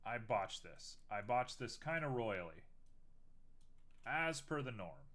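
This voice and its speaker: Streaming while he works on art, a young man chats casually, mocks himself, and voices his thoughts aloud. He speaks slowly in a sing-song way, at a medium pitch with a slightly bright quality.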